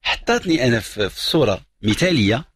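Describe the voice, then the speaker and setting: A man's voice: medium pitch, big pitch swings, brisk, a bit bright, husky, no echo. A middle-aged man with a Moroccan accent hosting a call-in radio advice show, lecturing with emphatic repetition and French phrases. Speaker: radio psychologist host.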